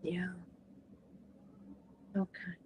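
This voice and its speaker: A woman channeler guiding a participant through a session, talking gently and coaching, often filling in with "like". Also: extremely slow, low-quality recording.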